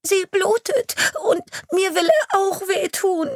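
A terrified little girl of about five, crying out in shrill, wailing sobs. Her words come out broken by panic and tears, in a dry, close audiobook sound. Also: monotone, unhurried, fairly bright tone, no echo. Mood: sobbing. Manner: high wailing cries, broken sobbing words.

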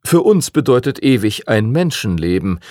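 A man reading the part of a patient older male teacher of dragon riders, speaking in a calm, measured, lecturing way. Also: mid-range voice, dry recording, studio quality, lightly acted.

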